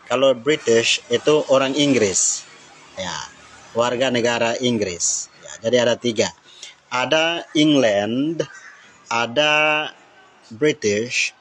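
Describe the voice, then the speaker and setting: Man, English tutor, casual spoken lesson, mid pitch, hesitant, faint noise behind. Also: rough recording. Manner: hesitant, frequent filler sounds, switches into English phrases.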